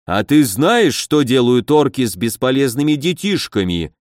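A man voicing a female orc shaman who speaks in a slow, threatening growl. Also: mid-range voice, big pitch swings, no echo, clean studio sound, close to an everyday voice. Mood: menacing. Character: menacing female orc shaman, gruff and rough.

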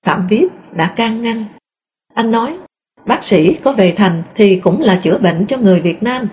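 A woman reading a first-person memoir aloud in a calm, steady storytelling voice. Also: mid-range voice, moderate pace, slight background noise. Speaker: narrator.

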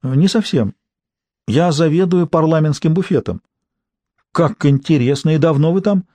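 A man's voice: on the high side, moderate pace, warm tone, dry recording, voice pushed up, natural voice. A man reading an audiobook, voicing a reserved woman in her sixties who answers in a cool, dryly polite way. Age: 60s.

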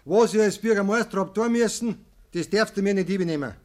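In a rural radio play, a male actor voices a self-righteous, wheedling village mayor, speaking Bavarian dialect in an insistent, folksy, self-justifying manner. His voice sits high and is a little fast and a little mellow, with light acting and a placating mood.

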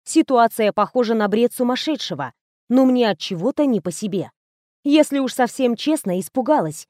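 A woman narrating a first-person audiobook in a calm, wry storytelling manner. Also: fairly high pitch, normal speed, no echo, clean studio sound.

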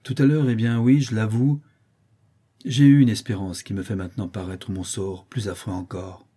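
A man's voice: fairly low pitch, steady tone, moderate pace, warm tone, breathy edge. A man voicing a blind, brutal old brigand who growls about revenge. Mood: vengeful. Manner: growling, bitter, menacing.

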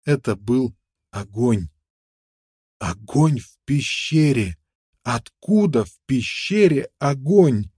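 A man narrating an adventure novel in a measured, dramatic reading. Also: medium pitch, mellow, slightly rough, no room sound, clean studio sound. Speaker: audiobook narrator. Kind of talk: scripted narration.

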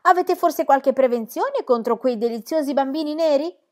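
A woman's voice: high voice, moderate pace, pitched above the performer's own voice, lightly acted. Woman reading as a gleeful, boastful little girl. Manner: loud, gleeful and teasing. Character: exuberant carefree young girl, boastful and playful.

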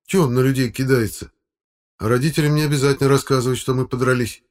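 A man voicing a scrappy, angry teenage schoolboy in an audiobook, loud and sulky. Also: medium pitch, steady tone, fast talker, voice pushed up, natural voice.

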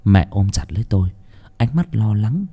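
A man's voice: on the low side, big pitch swings, moderate pace, mellow, husky. A man narrating a horror audiobook in a dramatic, tense storytelling manner.

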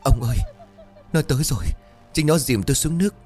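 A man's voice: a little high, a little fast, a little mellow, soft background music, pitched above the performer's own voice, lightly acted. A man voicing a terrified older village wife who cries out in a stammer. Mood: panicked.

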